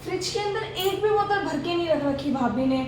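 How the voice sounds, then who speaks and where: A woman with a very high-pitched voice and moderate pace performs as a complaining, demanding married sister-in-law giving orders in a homemade family skit. The echoey room recording carries a little hiss or hum.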